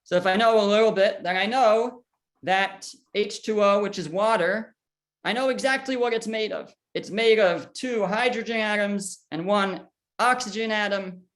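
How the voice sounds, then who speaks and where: A man's voice: high-pitched, normal speed, a bit bright. Man teaching a class, asking questions. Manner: asks the listeners questions and answers them, with small restarts. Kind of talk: explanatory lecture.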